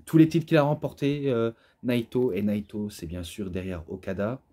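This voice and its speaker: A man's voice: on the low side, steady tone, moderate pace, warm tone. A man giving a rambling, casual spoken review who gets carried away as he talks, with an imposing voice. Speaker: wrestling DVD reviewer.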